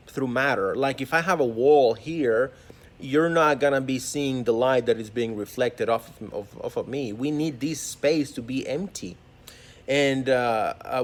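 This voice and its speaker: An earnest man of mid-range pitch speaks in a reflective spiritual monologue. He muses aloud, circling back and restarting phrases as he goes. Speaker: holistic vlogger.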